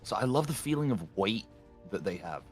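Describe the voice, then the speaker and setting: Male gaming co-commentator, casual and profane, expressive swings in pitch, music playing under him. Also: a little fast. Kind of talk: casual gameplay chat.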